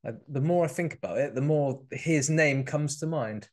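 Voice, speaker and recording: A man co-hosting a podcast in casual chat. He talks in an animated way, jumps in, restarts, and jumps up in pitch when excited. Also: normal speed. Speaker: podcast co-host.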